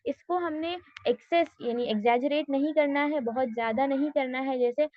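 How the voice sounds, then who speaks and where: A woman teaching a tajweed class online, patiently explaining step by step and slowly modelling sounds. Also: sits high, no room sound, lo-fi sound.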